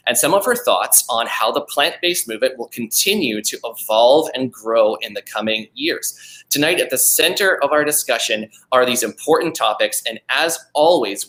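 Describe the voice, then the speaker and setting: A Canadian man hosts an interview podcast with an upbeat, friendly manner. His voice is bright and forward. He often repeats words while working out his questions. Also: medium pitch. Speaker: podcast host. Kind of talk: hosting an interview.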